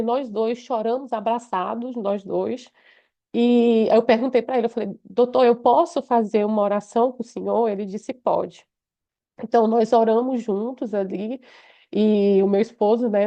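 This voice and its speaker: A woman with a fairly high yet mellow, warm voice tells her testimony with devout feeling. She restarts her phrases often. The audio is slightly muffled and lo-fi. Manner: heartfelt, devout, with frequent restarts. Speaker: church member giving testimony. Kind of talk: personal testimony.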